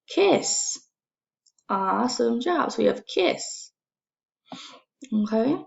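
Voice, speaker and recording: Kindergarten teacher, female, heavy vocal fry, animated intonation, encouraging phonics delivery, slightly lo-fi sound. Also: mid-range voice. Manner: kindergarten-teacher manner, encouraging, simple repeated phrases; sounds out letters and words slowly and distinctly. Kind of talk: recorded phonics lesson for young children.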